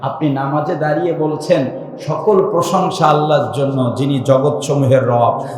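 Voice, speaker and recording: Male preacher from Bangladesh, slightly high voice, booming echo, questions the congregation. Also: fairly even intonation, measured pace, a little mellow. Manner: asks the crowd questions and has them repeat words. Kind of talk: Islamic sermon (waz) to a mosque congregation. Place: mosque hall. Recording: very echoey hall.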